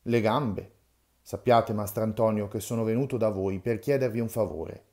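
A man reading the part of a lively, touchy old carpenter who is quick to shout when offended, in a storybook reading. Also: on the low side, natural voice. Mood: friendly.

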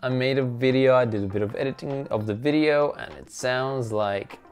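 A young adult man with a Russian accent, a native Russian speaker, narrates his own vlog in a mid-range voice at normal speed, sounding casual, upbeat and self-mocking. He's recorded on a clip-on lapel mic in a small bedroom, with soft music playing in the background.

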